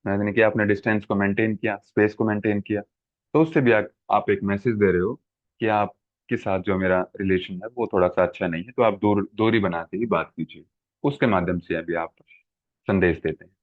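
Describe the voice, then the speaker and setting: Male lecturer, lowish voice, patient explainer with examples, dry tinny phone-quality sound. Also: steady tone, normal speed, no echo. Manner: explains with everyday examples, frequent "ठीक है" checks. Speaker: exam-prep teacher. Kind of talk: classroom lecture.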